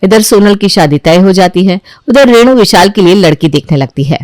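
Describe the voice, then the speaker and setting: A woman narrating an animated family story in a plain storytelling voice. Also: mid-range voice, normal speed, no echo, clean studio sound.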